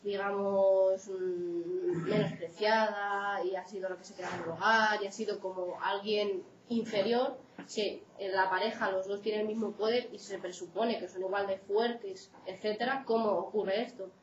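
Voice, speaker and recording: A woman's voice: mid-range voice, steady tone, moderate pace, few pauses, a little hiss or hum. A woman psychologist from Spain giving an informal lecture in a conversational way, checking in with her audience. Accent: Spain Spanish. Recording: roomy, dull lecture recording.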